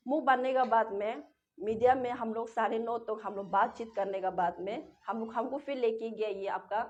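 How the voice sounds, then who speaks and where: A woman's voice: a little high, steady tone, normal speed, darkish tone. A young woman from Arunachal Pradesh, a local language her first tongue, giving a rambling, distressed first-person account. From Arunachal Pradesh, Northeast India. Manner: rambling, repetitive, distressed retelling. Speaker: interviewee. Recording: dull lo-fi recording.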